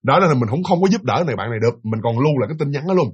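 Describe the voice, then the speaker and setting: A man narrates a ghost story at a fast clip. His husky voice swings widely in pitch as he chats straight to his listeners, animated throughout. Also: highs cut off. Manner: animated, chatty, addresses listeners directly.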